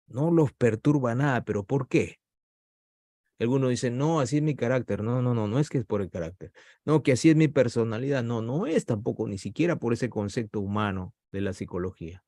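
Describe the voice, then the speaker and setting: Speaking fairly quickly in a warm tone, a male pastor delivers an impassioned sermon, his voice jumping sharply in pitch to stress key points. The sound is dry and clean, studio grade.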